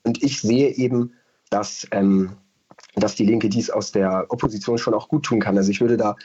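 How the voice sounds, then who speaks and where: A man's voice: lowish voice, fairly even intonation, moderate pace, dark tone, highs cut off, slight background noise. A man from Berlin answering as a radio interview guest, thoughtful and hesitant, with many fillers. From Berlin, Germany. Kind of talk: casual interview.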